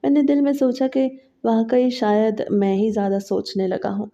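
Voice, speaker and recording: A woman storyteller reading a scripted horror tale in the first person. Her voice is very dark and mellow, and her delivery barely moves in pitch. The recording sounds muffled and lo-fi.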